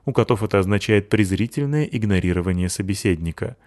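A man narrating a children's story in a lively, expressive reading voice. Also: on the low side, fast talker, no echo, clean studio sound.

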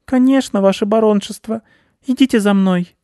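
A man voicing a small, sly male mouse with a squeaky, fawning voice, for a storybook reading. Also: moderate pace, warm tone, no echo, studio quality.

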